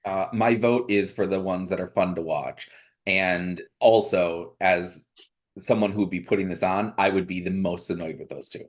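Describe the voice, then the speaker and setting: A man's voice: low-pitched, steady tone, normal speed. A man co-hosting a podcast in casual chat, dropping dry joking asides. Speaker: podcast co-host.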